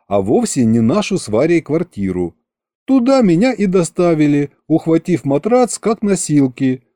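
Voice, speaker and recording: A man narrating an audiobook in an expressive, storytelling manner. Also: on the high side, no room sound, studio quality.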